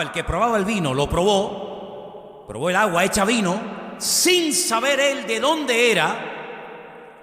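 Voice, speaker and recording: Animated Spanish pastor in an echoing hall. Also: male voice, on the high side. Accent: Spain Spanish. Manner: animated preaching with frequent rhetorical questions. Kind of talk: sermon. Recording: echoey hall with long reverb.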